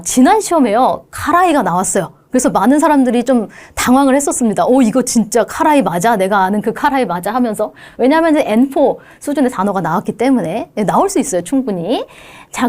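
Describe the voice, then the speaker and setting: Female instructor, exam-prep lecture; fairly high voice, swoops a lot, coaxing and engaging. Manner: lively, coaxing, checks in with "그쵸?". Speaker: Japanese language instructor.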